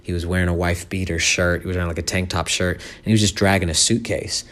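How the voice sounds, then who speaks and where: Very deep-voiced earnest male pastor. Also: steady tone, fast talker, a bit bright. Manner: earnest, casual storyteller. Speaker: youth pastor. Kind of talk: motivational testimony talk.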